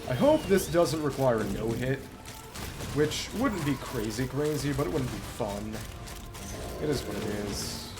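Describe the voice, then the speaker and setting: Game music backs this man's live commentary as he streams, quietly musing to himself with dry, understated humor. His voice is mid-range and sing-song, and he talks a little slowly.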